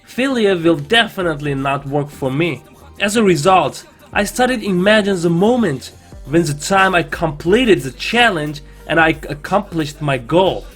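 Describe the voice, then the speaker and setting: Guy w a non-native english accent, kinda high voice, earnest vlog narration, music playing behind him. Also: lively intonation, moderate pace, fairly bright tone. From China. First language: not English. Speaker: vlogger. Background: background music.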